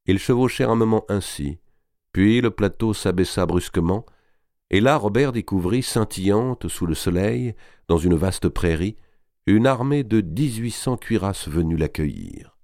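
Man reading an audiobook, really deep voice but swings around a lot, dry close sound. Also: no room sound. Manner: expressive, measured literary reading. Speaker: narrator. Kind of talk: audiobook narration.

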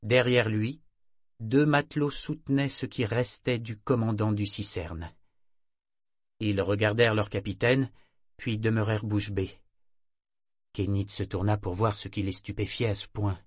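A man narrating an audiobook in a calm, measured reading style. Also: lowish voice, no echo, studio quality.

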